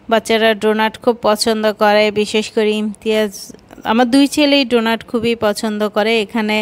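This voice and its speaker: A woman's voice: on the high side, smooth. A woman with a Bangladeshi accent giving casual vlog narration. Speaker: vlogger.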